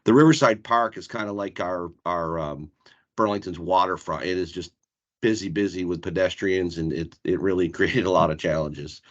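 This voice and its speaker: A man's voice: low-pitched, moderate pace. A man giving an informal project report to colleagues on a video call. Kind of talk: informal work presentation. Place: online meeting. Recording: dull, lo-fi video call audio.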